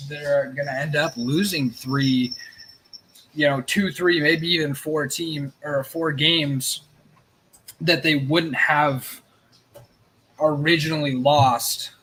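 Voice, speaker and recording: Rambling, excitable male host for casual live sports chat. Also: fairly high pitch, a little hiss or hum. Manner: rambling, excitable, swears, nervous energy.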